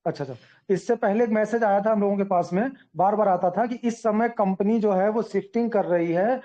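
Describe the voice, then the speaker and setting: Man, high and mellow, team leader on a muffled call, earnest and repetitive. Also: a little fast. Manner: earnest, repetitive, explains with examples. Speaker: team leader addressing members. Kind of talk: online group call talk.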